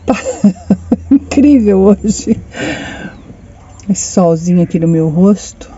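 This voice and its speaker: Middle-aged woman, very mellow dark tone, chatty phone vlog from a car, slightly muffled sound. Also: medium pitch, animated, takes it slowly, slight background noise. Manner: chatty, repeats phrases, addresses viewers fondly. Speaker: vlogger. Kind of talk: personal storytelling to camera. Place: inside a parked car in the sun. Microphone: phone camera.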